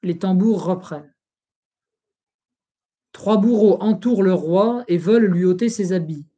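An audiobook reader reading a history book aloud in a slow, solemn, even delivery. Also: medium pitch, husky.

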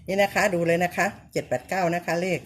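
Showing how to clean banknotes at home, a vlogger who calls herself auntie speaks politely in a lowish, flat, fast voice. She keeps repeating short pointing phrases with soft polite endings, and there's slight background noise.

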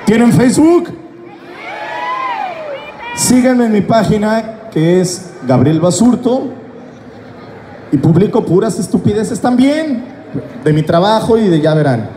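A man's voice: high voice, lively intonation, takes it slowly, long pauses. A man joking with a fan crowd on stage, laughing at his own jokes, through a handheld mic. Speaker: voice actor guest at a fan convention. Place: large indoor convention hall with a crowd. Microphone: handheld mic, filmed from the audience. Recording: echoey hall with loud crowd noise.

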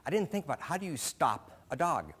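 A man's voice: a little high, big pitch swings, fairly quick, a bit bright, husky. A middle-aged man from Alaska giving a short humorous stage talk, telling a story with self-deprecating comic timing. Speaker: speaker.

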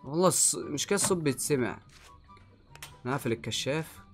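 A young man with an Egyptian accent giving excitable let's play commentary, swinging from muttering to yelling. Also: fairly high pitch, fast talker, soft background music. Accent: Egyptian Arabic. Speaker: gaming YouTuber.

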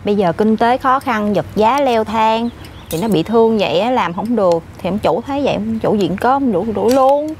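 An actress playing a gossipy office worker, speaking with a Southern Vietnamese accent and a complaining manner. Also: female voice, on the high side, animated, normal speed, darkish tone, slight background noise, close to an everyday voice. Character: gossipy middle-aged woman office worker. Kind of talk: comedy sketch acting. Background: faint background music.

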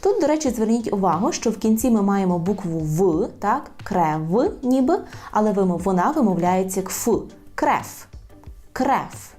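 A woman teaching a language in a video lesson, repeating words slowly and carefully. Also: medium pitch, animated, mellow, soft background music. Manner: slow, careful repetition of words.

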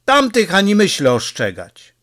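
A gruff, blustering mayor of a small village, as a man puts him on in a storybook reading, barking out his words with impatience. His voice sits fairly high and swings widely, and he speaks slowly and deliberately. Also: huge pitch swings, a bit bright, heavily acted. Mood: brusque.

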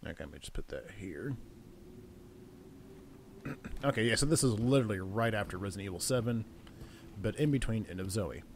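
A man's voice: lowish voice, lively intonation, brisk, pauses often, darkish tone, slight background noise. A young man hosting a gaming video, chatting and joking casually and reading on-screen text aloud. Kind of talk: casual gameplay commentary.

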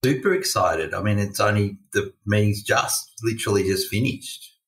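Low-voiced man, set back from the mic. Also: normal speed, fairly bright tone, distant mic, a little hiss or hum, poor audio. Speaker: podcast co-host. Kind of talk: casual chat.

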